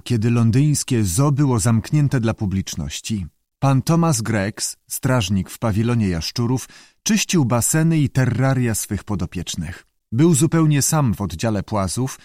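Brief: expressive male narrator, animated pitch, dry studio audiobook read. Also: dry recording. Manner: expressive storytelling.

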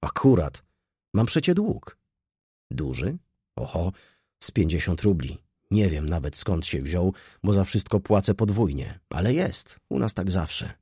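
A man's voice: sits low, big pitch swings, unhurried, mellow, breathy edge, no echo, clean studio sound, heavily acted. A man voicing a brash, mocking poor young girl. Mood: brash, chatty. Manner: pert, mocking, argumentative. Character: cynical poor 19-year-old girl, brash.

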